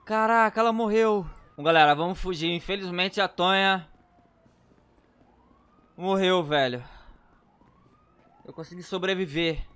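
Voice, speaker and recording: A man giving frantic let's-play commentary, yelling commands at the game. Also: high-pitched, a little slow, long pauses, clear, resonant tone. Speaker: gaming YouTuber.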